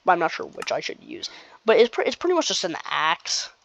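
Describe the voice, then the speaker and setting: Casual gameplay commentator, rambles and restarts a lot, very lively delivery, dry close lo-fi recording. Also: medium pitch, brisk, creaky, no room sound. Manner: rambling, restarts sentences, nervous laughs.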